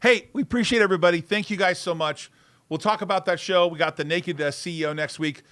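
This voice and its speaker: A man hosting a casual livestream show, talking in an excitable, rambling way and repeating himself. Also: high voice, quick pace. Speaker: show host.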